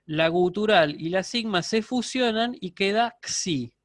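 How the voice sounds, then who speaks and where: A man's voice: high-pitched, unhurried, dry recording, studio quality. A man giving a university lecture online, explaining step by step and checking in with his students. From Argentina.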